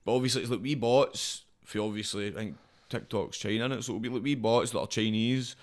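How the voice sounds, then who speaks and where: A man's voice: fairly low pitch, a little fast. A man with a broad Scottish accent chatting casually as a guest, rambling in slang with plenty of swearing. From Scotland. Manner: rambling, slangy, frequent swearing and verbal tags. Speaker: podcast guest, social media comedy creator and wrestler.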